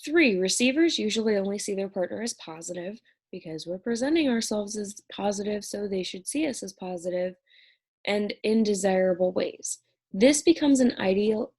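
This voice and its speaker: A woman's voice: mid-range voice, darkish tone, slightly rough. A woman instructor talking through an exam review lecture in a conversational way, checking in often with "right?".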